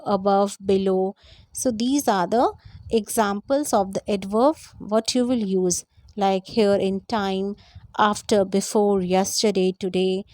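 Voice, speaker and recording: A woman's voice: mid-range voice, a little mellow, no echo. Woman teaching grammar, dry sound. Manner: explains step by step, repeats points; lists examples slowly one by one. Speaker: English teacher. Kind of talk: grammar lesson.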